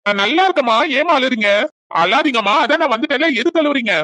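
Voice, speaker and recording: Cartoon young man, cheerful, reassuring, fast talker, slightly high, dry studio sound, voiced by a woman. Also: expressive, bright, forceful tone, no echo, full character voice. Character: young man back from abroad, cheerful son.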